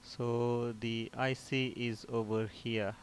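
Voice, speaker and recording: Slow and medium-pitched, with little pitch movement, a male repair technician instructor explains things informally, one step at a time. He tends to pose his own questions and then answer them. Background noise is absent.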